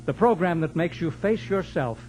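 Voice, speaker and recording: A man's voice: on the high side, lively intonation, normal speed, darkish tone, slight background noise. A man with an American accent reading scripted narration as the announcer of a radio drama.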